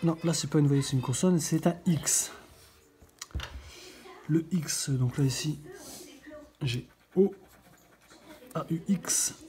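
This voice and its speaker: A woman's voice: low voice, takes it slowly, long pauses, mellow. A middle-aged woman hosting a scratch-card video, chatting casually and thinking aloud as she checks each letter. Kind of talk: casual running commentary while scratching.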